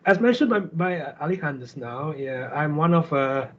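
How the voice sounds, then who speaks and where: Animated and fairly high-voiced, speaking at normal speed, a Malaysian man from Kuching, Sarawak presents slides conversationally as a guest speaker. He's a startup founder on an online video call with screen sharing, and the sound quality is dull and lo-fi.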